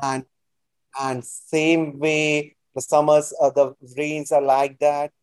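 A man's voice: fairly high pitch, level tone, slow pace, darkish tone, clean tone, no echo. A man from New Delhi with a North Indian accent, a native Hindi speaker, talking casually and hesitantly as an interview guest, often repeating himself. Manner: hesitant, repetitive phrasing with frequent "like".

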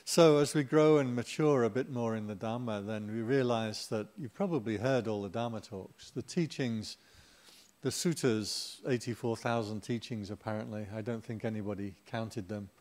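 A man's voice: fairly low pitch, moderate pace, darkish tone. A middle-aged man giving an informal Dharma talk as a Buddhist teacher, chatty and humorous, with playful asides to the audience.

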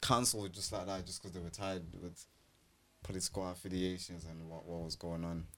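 Low-voiced young London roadman. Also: little pitch movement, brisk. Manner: slangy London roadman talk. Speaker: podcast co-host. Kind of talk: casual podcast chat.

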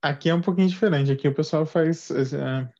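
A Brazilian man with a mellow, dark voice chats in a relaxed, rambling way. He fills his talk with hesitations. The sound is dull and lo-fi. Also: fairly high pitch, brisk. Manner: relaxed, rambling with many fillers. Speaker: Brazilian living in Canada, sharing experiences. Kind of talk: casual chat.

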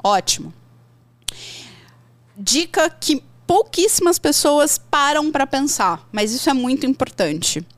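A Brazilian woman teacher talks in a high, bright register, lively and chatty, giving advice in a podcast conversation. She slips into playful imitations of worried learners. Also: slow, no room sound. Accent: Brazilian Portuguese. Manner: animated, acts out learners' complaints in a high voice. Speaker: English teacher.

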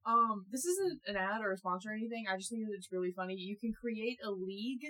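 A young woman chatting casually as a podcast co-host, full of fillers and quick asides. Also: medium pitch, bright, forceful tone. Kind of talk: casual chat. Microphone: one shared mic.

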